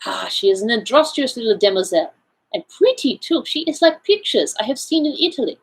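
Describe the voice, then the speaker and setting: A woman's voice: a little high, expressive, fairly quick, breathy edge. A woman voicing a fussy elderly male Belgian detective in a storybook reading, with a raised, lilting, inquisitive delivery.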